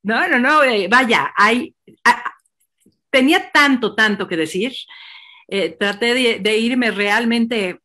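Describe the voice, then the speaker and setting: A woman's voice: a little high, takes it slowly, sharp tone. A Mexican woman hosting a virtual book presentation, effusive and rambling, with many fillers. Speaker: host.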